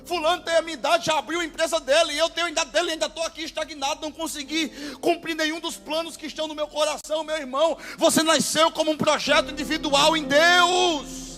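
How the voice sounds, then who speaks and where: A man with a Brazilian Portuguese accent preaching a sermon as pastor, impassioned and bursting into shouted exclamations. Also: extremely high pitch, little pitch movement, fast, hardly any pauses. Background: faint music.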